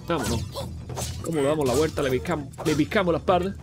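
A young man doing excitable, profane commentary on a video game he plays, breaking into sudden shouts. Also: on the high side, fast talker, over music. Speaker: let's play host. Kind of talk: gaming commentary.

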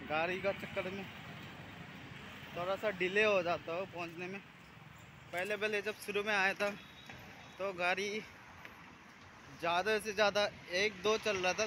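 A man in his thirties talks casually into a phone held at arm's length while he walks a sunny city street, rambling and clearing his throat now and then. His voice sits fairly high for a man. Traffic noise runs clearly underneath. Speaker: vlogger. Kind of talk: casual walking vlog. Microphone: phone camera held at arm's length. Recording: noisy street traffic outdoors. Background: passing traffic.

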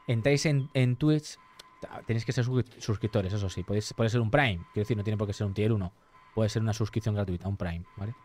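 A man's voice: on the low side, quick pace, a little mellow. A young man streaming a game live, chatting with viewers, reading their messages aloud and swearing often. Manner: chatty, swears often, reads and answers chat. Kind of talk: live gameplay commentary.

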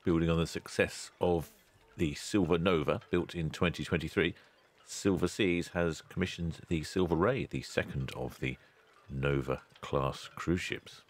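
A man, hosting a ship-spotting channel in a relaxed, chatty voice-over with dry asides. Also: deep voice, measured pace. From England. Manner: chatty, dry asides, loud cheery greetings.

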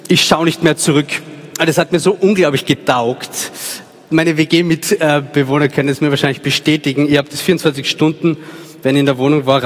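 A man in his thirties from Salzburg with an Austrian accent, giving a chatty, informal personal sermon with many fillers on stage in a large church. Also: fairly high pitch. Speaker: preacher. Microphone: handheld mic. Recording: long church reverb.

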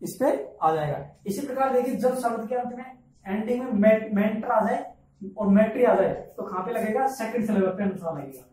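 A man teaching English pronunciation, who repeats words slowly and keeps asking his listeners questions. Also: high-pitched, expressive, warm tone. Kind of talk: classroom lesson in Hindi. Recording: echoey room, from far off.

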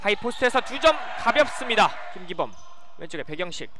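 Man, play-by-play basketball commentator, very high voice, animated swings, excitable shouts, loud gym noise and bouncing balls. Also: quick pace. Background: basketball court ambience, bouncing ball.

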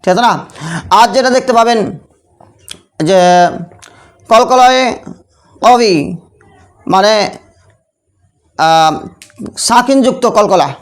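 A man's voice: very high-pitched, animated, slow pace, pauses often, clean tone. A man teaches tajweed as a classroom lesson. He keeps asking rhetorical questions and answers them himself. He often checks in with short tag questions. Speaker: Quran recitation teacher.

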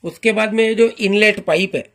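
A car washer gets a hands-on demo from a channel host who walks his viewers through it in a friendly, instructional way. He frequently repeats a set phrase. His voice is high-pitched, brisk, and fairly bright.

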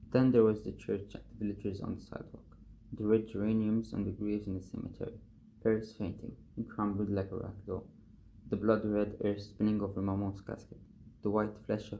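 Man with a low, gravelly, flat voice. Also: slight background noise. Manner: measured, even first-person reading. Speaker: reader of a book excerpt. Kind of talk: reading a novel aloud.

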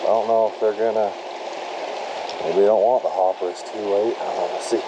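A man talking casually while fly fishing outdoors by a mountain creek, breaking into excited exclamations over each fish. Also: lowish voice, fairly quick. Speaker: fly fisherman filming his outing. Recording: stream noise, outdoor camera audio. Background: running stream.

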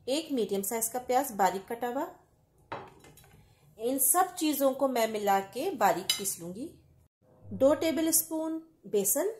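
A woman hosting a home cooking channel, calmly explaining each recipe step to viewers in a voice-over. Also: high-pitched, echoey room, a little hiss or hum. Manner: calm step-by-step explaining, addresses viewers directly. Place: home kitchen.

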